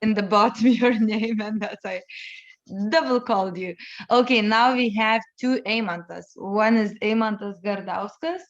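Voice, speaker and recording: Woman running a seminar call, friendly, kinda dull lo-fi sound. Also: mid-range voice. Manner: friendly, halting with fillers. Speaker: seminar lecturer. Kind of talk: online seminar moderation. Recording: muffled video call audio.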